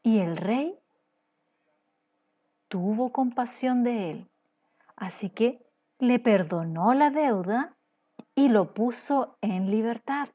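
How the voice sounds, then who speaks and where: A woman's voice: on the high side, animated, slow pace, long pauses, dark tone, highs cut off. A woman teacher telling a parable to children in a patient, questioning storytelling style.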